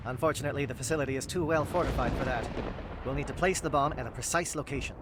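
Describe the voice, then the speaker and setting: An actor voicing a calm, grave alien captain in video game dialogue, precise and matter-of-fact. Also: male voice, medium pitch, racing, noisy background, natural voice. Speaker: Salarian captain planning an assault.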